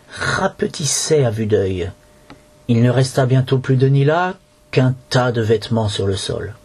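A man's voice: medium pitch, a little mellow, husky. A man reading a storybook aloud in French, narrating with occasional slips and restarts.

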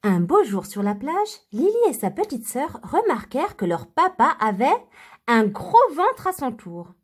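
Storyteller: woman, high and very expressive, reads children's tales gently. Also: measured pace. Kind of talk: children's story read aloud.

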